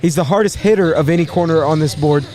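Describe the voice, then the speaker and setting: A man hosting a casual live sports draft show, thinking aloud in a halting way and repeating words as he goes. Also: a little high, darkish tone.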